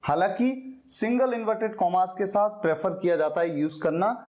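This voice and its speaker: Here a man's voice sits high with a darkish tone. He's a patient teacher explaining things step by step in a classroom lecture, slowly repeating words so students can hear the pronunciation.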